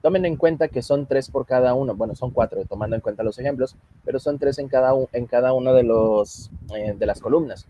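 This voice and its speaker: A man's voice: mid-range voice, a little fast, few pauses, warm tone. Patient man teaching English. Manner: explains patiently, switches between Spanish and English. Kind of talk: online class instruction.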